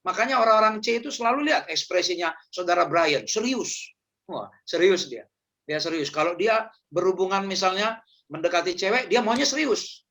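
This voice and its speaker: Male seminar speaker, chatty and joking, high bright voice with gravel. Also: animated, moderate pace. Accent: Indonesian. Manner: chatty, joking, repeats words, laughs often. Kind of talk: casual humorous talk on personality types.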